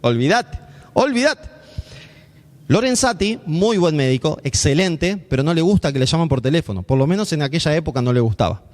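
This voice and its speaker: A man's voice: fairly high pitch, animated, quick pace, hardly any pauses, a little mellow, long reverb tail. A man with an Argentine accent preaching a sermon as a pastor. He tells a personal story and acts out the voices of the people in it. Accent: Argentine Spanish.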